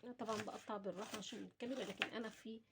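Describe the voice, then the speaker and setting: Her voice is on the high side and steady in tone, and she speaks very fast, with an Egyptian Arabic accent. She's a home cooking vlogger preparing food at home, casually explaining each step straight to her audience. The home recording is clearly noisy and has clicks.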